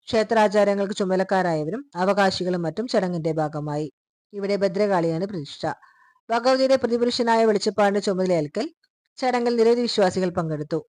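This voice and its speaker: A woman reads scripted local news in a formal, measured manner. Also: mid-range voice, a little mellow, no echo. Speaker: news reader.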